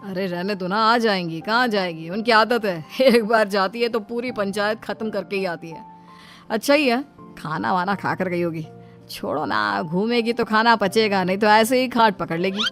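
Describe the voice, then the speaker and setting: A woman's voice: mid-range voice, normal speed, a bit bright, soft background music, natural voice. A woman voicing an easygoing young husband in a cartoon story, brushing off his wife's worries. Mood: dismissive. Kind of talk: cartoon voice acting.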